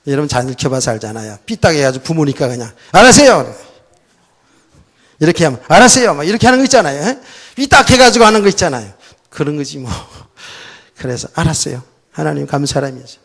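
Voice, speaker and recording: A middle-aged man, a pastor, telling a personal story in a sermon, swinging between loud outbursts and soft, low asides. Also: expressive, fast talker. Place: church sanctuary.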